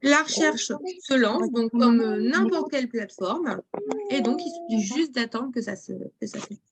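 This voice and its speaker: A woman with a fairly high voice runs a live online demo of a booking platform. She chats easily with her viewers and reads their messages aloud. She speaks into a video call microphone. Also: animated, moderate pace, noisy background. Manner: chatty, talks straight to viewers and reads chat messages aloud. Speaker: presenter of a travel booking platform.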